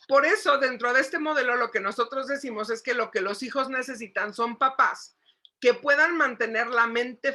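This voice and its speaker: A woman psychologist giving a lively lecture to parents, asking the audience questions and acting out shouting. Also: high-pitched. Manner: animated, asks the audience questions, acts out shouting.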